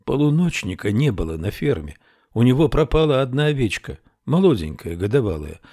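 A man voicing a kindly country gendarme in an audiobook, speaking low and soft to calm someone. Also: brisk, no room sound, studio quality. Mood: soothing. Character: gruff but kindly male country gendarme.

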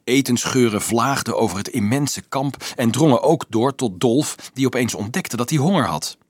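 A man narrating an audiobook in an expressive storytelling voice. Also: medium pitch, normal speed, slightly rough, no room sound, studio quality. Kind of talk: scripted narration.

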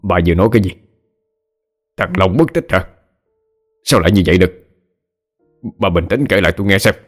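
A man voicing a harsh older rich master who barks gruff, abusive orders. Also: deep voice, a little fast, soft background music. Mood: alarmed.

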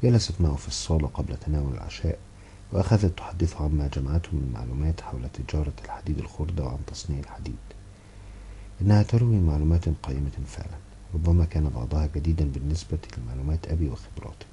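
A sorrowful sister confiding family troubles, voiced by a man. The delivery is quick, in a very low and dark voice. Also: slight background noise. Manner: sad, confiding storytelling.

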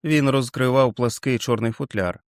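A man narrating an audiobook in a steady, dramatic reading. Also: on the low side, moderate pace, no room sound, studio quality.

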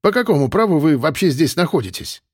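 A male narrator voicing a gruff, overbearing middle-aged father who blusters and snaps. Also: on the high side, big pitch swings, quick pace, dry recording, studio quality, pitched above the performer's own voice. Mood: sullen. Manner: blustering, shouting, sullen.

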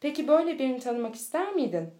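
A woman voicing a calm, proud father who gently lectures his young son, with little change from her own voice. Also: sits high, racing. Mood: earnest. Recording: echoey room.

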